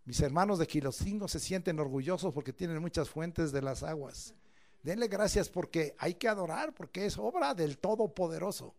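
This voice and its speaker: A man preaching a church sermon, emphatic, swinging between loud declamation and low asides and drawing out key words. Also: expressive, moderate pace, creaky. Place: church service.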